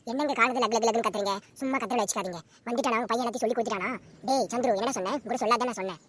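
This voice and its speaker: A woman voicing a sharp-tongued, quarrelsome housewife in a cartoon comedy, scolding loudly. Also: a little high, slight background noise, natural voice. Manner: fast, scolding, loud.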